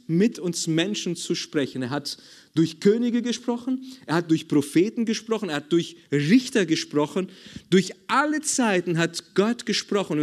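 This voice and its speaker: A man's voice: high-pitched, darkish tone. A man preaching a sermon in a church service, emphatic and repetitive, calling for amens.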